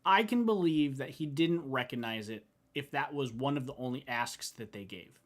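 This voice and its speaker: A man's voice: medium pitch, animated, moderate pace. A man co-hosting a casual movie review chat who talks conversationally and builds his points through comparisons. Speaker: co-host.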